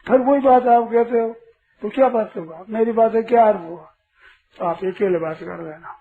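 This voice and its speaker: A man's voice: sits high, normal speed. A man giving a spiritual discourse to an audience as a teacher, asking rhetorical questions and sternly correcting a questioner. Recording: tinny lo-fi recording with faint hiss.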